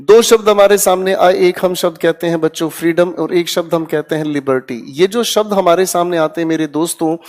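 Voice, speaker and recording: An energetic man teaches English vocabulary in Hindi for exam prep. He drills each word aloud with his students and keeps checking that they follow. His voice sits a little high and rings in a long hall reverb. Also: a little fast, few pauses.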